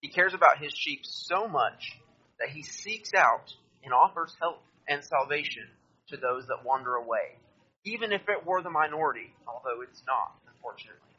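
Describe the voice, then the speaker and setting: A man delivers a sermon with a bright, forward voice and a husky edge to it. He reads scripture aloud and explains it, asking listeners to turn to the verses with him. The recording sounds a little dull and lo-fi. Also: fairly high pitch, expressive, moderate pace. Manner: addresses listeners directly, asks them to turn to verses. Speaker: preacher.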